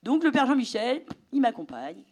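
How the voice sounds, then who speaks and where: A woman's voice: fairly high pitch, moderate pace. A middle-aged woman giving a personal testimony to an audience, telling her story with animation and sometimes dropping to a whisper. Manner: animated storytelling, drops to a whisper for inner thoughts.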